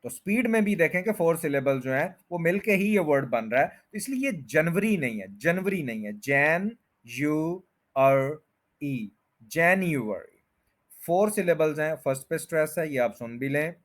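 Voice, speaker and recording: A man teaching English pronunciation, patiently breaking words into syllables and repeating them slowly. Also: fairly high pitch, lively intonation. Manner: patient, repetitive drilling. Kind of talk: explanatory language lesson.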